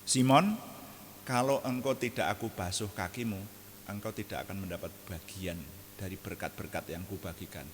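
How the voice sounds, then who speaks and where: A preacher voicing a calm male teacher who reassures his frightened followers. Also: fairly low pitch, in a large hall, a little hiss or hum, close to an everyday voice. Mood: earnest. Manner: soothing, drawn-out.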